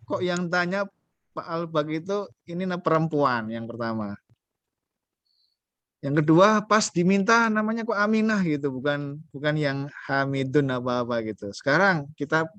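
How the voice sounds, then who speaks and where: A man's voice: fairly high pitch, fairly bright tone, no echo. A man teaching a beginner Arabic class online, patient and coaxing, quizzing his students as he goes.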